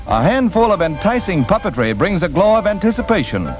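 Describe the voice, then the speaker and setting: A man's voice: high-pitched, very animated. 1940s newsreel announcer, man. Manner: brisk, upbeat announcer delivery. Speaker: newsreel narrator. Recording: old newsreel soundtrack with loud music.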